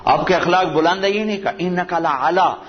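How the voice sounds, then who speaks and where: Man preaching, storytelling sermon, fairly high voice, dull lo-fi recording with faint hiss. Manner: storytelling, recites Arabic verses in a low measured voice.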